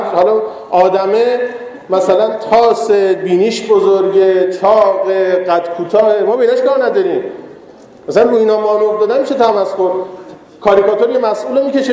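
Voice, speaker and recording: A man's voice: high voice, a little mellow. A man preacher giving a religious lecture, telling stories and asking rhetorical questions. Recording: echoey hall.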